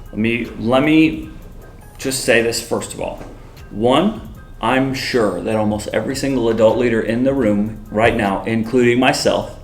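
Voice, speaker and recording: Conversational male youth preacher over faint music. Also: fairly low pitch. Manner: explanatory, uses rhetorical questions and plain slang. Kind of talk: conversational sermon to teenagers.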